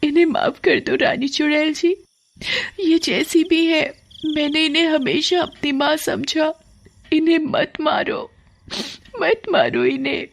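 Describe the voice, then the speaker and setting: A narrator doing a high pleading little girl. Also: slow pace, gravelly, full character voice. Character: kind, pleading young girl. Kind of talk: storybook cartoon voice acting.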